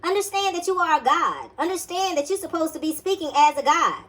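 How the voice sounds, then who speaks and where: A woman with a strikingly high voice delivers a motivational sermon in loose, casual slang. She swears freely and repeats her commands for emphasis, talking straight to her listeners like a spiritual teacher. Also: big pitch swings, fairly quick, a bit bright.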